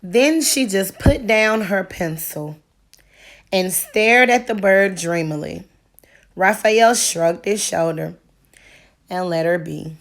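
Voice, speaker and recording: A woman with a mid-range voice reads a children's picture book aloud. Her storytelling is deliberate and expressive, like a teacher reading to a class.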